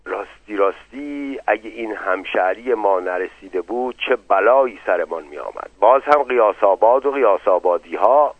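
A man doing a loud, chatty old servant. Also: on the low side, lively intonation, few pauses, slightly rough, no echo. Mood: relieved. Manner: loud, insistent, swears by God. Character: chatty old male servant, boastful and pious. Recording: narrow phone-like dry recording.

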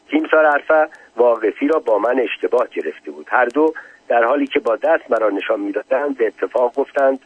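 Husky man reading a memoir. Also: medium pitch. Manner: steady, measured storytelling. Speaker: narrator. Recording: tinny lo-fi phone-like recording.

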